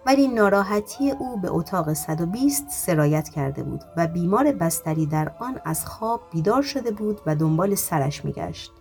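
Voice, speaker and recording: A woman narrating an audiobook in a measured, even reading voice. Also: lowish voice, faint music behind. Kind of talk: scripted narration.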